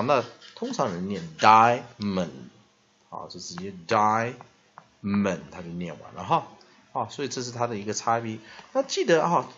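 A male English teacher with a Taiwanese Mandarin accent walks through syllables and stress, drawing out example words slowly and sprinkling in a filler "ha". His pitch swings widely as he explains. The recording sounds dull and lo-fi. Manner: drawn-out repeated demonstration words, frequent filler "ha". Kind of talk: vocabulary lesson.

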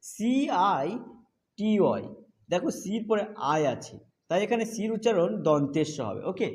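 This speaker, a man from Bengal, teaches a phonics lesson, laying out English pronunciation rules step by step and patiently repeating every point. He talks a little slowly in a high-pitched, expressive voice.

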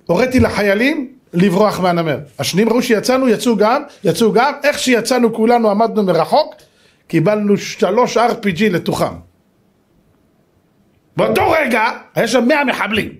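A man, a rabbi giving a lively sermon and acting out the people in his stories, at times shouting. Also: high voice. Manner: animated, shouts and acts out voices in the stories.

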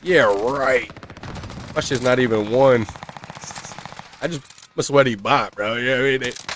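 A man's voice: mid-range voice, normal speed, a bit bright, slight background noise. A male game streamer chatting casually with slangy, profane banter while he plays. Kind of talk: casual gaming chat.

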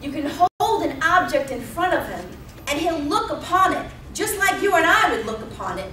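In a church sanctuary, a woman in her thirties preaches as pastor, her high-pitched voice sing-song, pushed and bright at a moderate pace as she tells the story with emphatic repetition. A distant pulpit mic yields roomy off-mic sound with a little hiss or hum.

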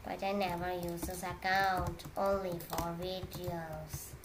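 A woman who makes gaming videos chats casually and slowly in a low voice, playfully adding silly sound effects. She's indoors at a computer, with steady noise and keyboard clicks in the recording.

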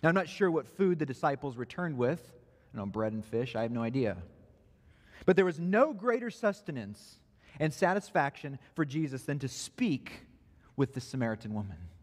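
A man's voice: mid-range voice, big pitch swings, normal speed, big-room sound. A man preaching an expository sermon who grows emphatic when he quotes scripture. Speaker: pastor. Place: church sanctuary.

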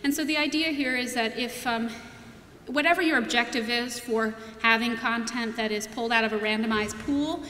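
A young adult woman gives a keynote about product features at a podium in a large auditorium, her high, sharp voice at normal speed, casual and peppered with fillers and restarts. Recorded through the podium mic from a far camera, the sound is echoey with long reverb and a little hiss or hum.

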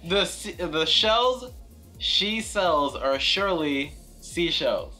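Young man, lively pitch swings. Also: slow pace, faint music behind. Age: young adult. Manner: mock-exasperated. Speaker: co-host learning tongue twisters. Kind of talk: casual playful banter. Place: living room couch, indoors.

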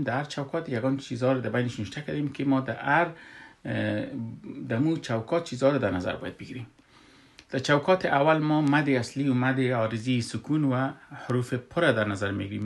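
A man with an Afghan Dari accent teaches Quran recitation rules one point at a time. His explanation is patient and methodical, broken by frequent filler pauses as he searches for the next word. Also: medium pitch. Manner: patient, step-by-step, often pausing with fillers. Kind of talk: classroom explanation.

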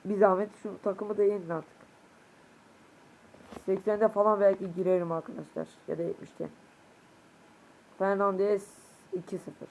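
A man, a gaming youtuber, a bit sick, giving casual gameplay commentary and shouting at his players. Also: high-pitched. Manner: excitable, shouts at players, mutters curses. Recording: noisy home recording.

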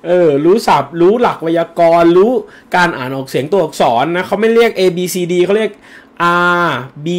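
Male exam tutor, slightly high voice, casual joker answering comments live. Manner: chatty and joking, casual slang. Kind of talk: live-streamed lesson answering viewer comments.

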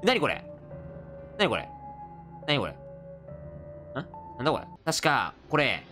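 A man with a hosting a solo let's-play, excitable and reacting loudly to the game. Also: medium pitch, measured pace, soft background music. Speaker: gaming video host.

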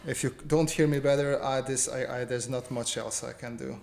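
A male illustrator hosts a drawing livestream from a small room at home, chatting informally and reading viewer questions aloud before answering them. His voice is mid-range, steady and darkish, with vocal fry and a moderate pace. A desk mic on an improvised stand picks up roomy echo and faint background noise.

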